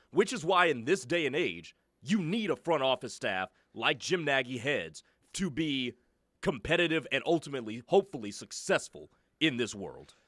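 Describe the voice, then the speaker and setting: A man co-hosting a sports talk show who gives measured, analytical takes. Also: medium pitch, fairly bright tone, dry recording, clean studio sound.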